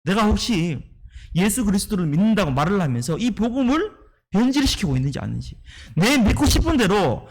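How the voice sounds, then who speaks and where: Animated, high-voiced pastor preaching. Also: male voice, a little fast. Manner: emphatic, rhetorical questions to the congregation. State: tired, worn out from preaching often. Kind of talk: sermon. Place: church sanctuary.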